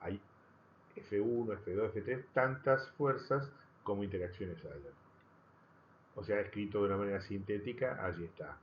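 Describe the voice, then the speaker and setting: A man with a very low voice explains physics in a recorded lecture. He talks patiently and keeps rephrasing his points, checking in with his students as he goes. The recording sounds slightly dull and lo-fi, with a faint hiss behind it. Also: moderate pace. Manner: explanatory, rephrasing often, checking understanding with tag questions. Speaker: physics teacher. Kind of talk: recorded lecture over slides.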